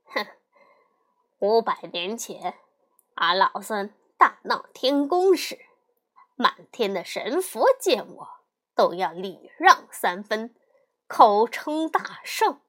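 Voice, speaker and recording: A woman's voice: on the high side, sing-song, takes it slowly, pauses often, bright, forceful tone, exaggerated voice. A woman storyteller voicing a brash, boastful male monkey king who swaggers, threatens and sneers. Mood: scornful. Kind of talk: storybook character voice.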